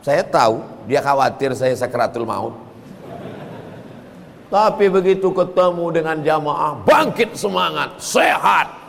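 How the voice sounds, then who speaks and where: A man's voice: fairly high pitch, unhurried, creaky, a little hiss or hum. Man preaching in an echoing hall. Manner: lively preaching, breaking into chanted dhikr. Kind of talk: sermon. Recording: long hall reverb.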